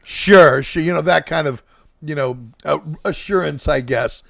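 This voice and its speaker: A man with a gravelly, rough-edged voice hosts a loose, enthusiastic interview, rambling and cursing casually. The sound is dry and close. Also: fairly high pitch, unhurried, fairly bright tone, no room sound. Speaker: podcast host.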